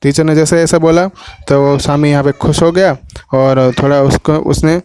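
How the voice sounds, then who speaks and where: A man's voice: a little high, fairly even intonation, moderate pace, a little mellow, smooth, dry recording. A man with a Gujarati accent, teaching a class lesson and retelling the story in detail, voicing its dialogue as he goes. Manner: retells the story in Hindi with English words, acting out quotes.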